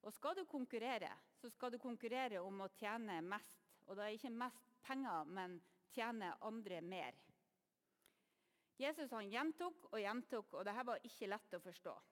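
A woman preacher giving a sermon, retelling the story in a lively way and acting out the voices. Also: medium pitch, big-room sound.

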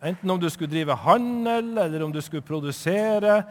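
Lively male preacher in a reverberant church. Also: high-pitched. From Northern Norway. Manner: lively, chatty, asks the listeners questions. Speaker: preacher telling a Bible story. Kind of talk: children's sermon storytelling.

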